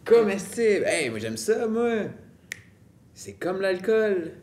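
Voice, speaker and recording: A man's voice: sits high, sing-song, takes it slowly, darkish tone, a little hiss or hum, exaggerated voice. A young man playing a laid-back product-testing panellist in a comedy sketch. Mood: casual, sceptical. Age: young adult. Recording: roomy indoor sound, faint music.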